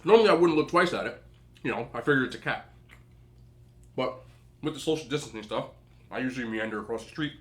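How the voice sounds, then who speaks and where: A man hosting a mukbang, chatting casually and telling an animated, slangy, incredulous story between bites as he eats. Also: medium pitch, quick pace, long pauses. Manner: eating between phrases. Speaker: host of a mukbang video. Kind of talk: casual rambling storytelling while eating.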